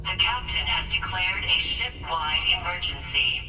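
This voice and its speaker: High-pitched male intercom announcer. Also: lively intonation, a little slow. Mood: formal, urgent. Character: ship announcer giving calm emergency orders to passengers. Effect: ship intercom. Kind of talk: formal public address announcement over intercom. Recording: echoing, distant intercom with music over it.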